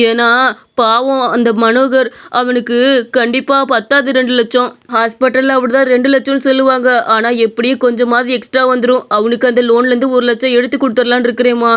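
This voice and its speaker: A soft-hearted young man, voiced by a woman in a cartoon story. He speaks earnestly and gently in a high voice. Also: close to an everyday voice. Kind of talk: animated story voice acting.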